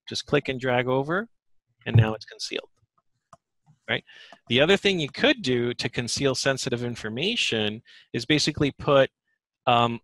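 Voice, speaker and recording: A man with a bright, forward voice leads a live software demonstration. He thinks aloud as he works through each step. The sound is close and dry, as in a screen recording. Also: mid-range voice, no echo, poor audio. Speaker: software trainer. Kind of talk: live software demo in a webinar. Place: indoor webinar, screen share.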